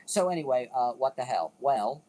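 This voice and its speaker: A man's voice: medium pitch, expressive, normal speed, warm tone, low-quality recording. A man hosting a casual commentary video, rambling, cutting himself off and swearing now and then. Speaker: video host.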